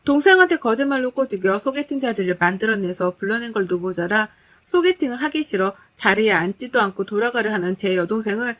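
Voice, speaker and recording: A woman's voice: mid-range voice, a bit bright. A woman narrating a first-person story in an indignant, dramatic manner.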